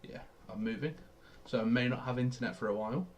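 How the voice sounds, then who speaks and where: A man's voice: mid-range voice, quick pace, slight background noise. A young man from Australia co-hosting a casual sports podcast, explaining plays with eager enthusiasm. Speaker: podcast co-host.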